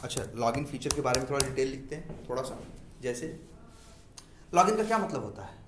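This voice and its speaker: Medium-pitched and very animated, the male software testing instructor talks a little fast amid background noise in an echoey room. Throughout his classroom lecture he asks questions, answers them himself, and repeats important terms. English technical terms keep surfacing in his Hindi.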